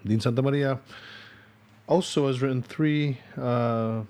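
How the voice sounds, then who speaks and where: A man with a Filipino accent hosting an interview podcast, giving a formal, measured introduction of his guest. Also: mid-range voice, steady tone, darkish tone, clean tone. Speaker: podcast host.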